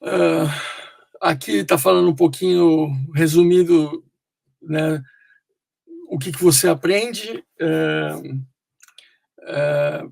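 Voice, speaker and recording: A man teaching English pronunciation online, explaining slowly with many fillers and pauses. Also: a little high, steady tone, vocal fry, darkish tone, dry recording.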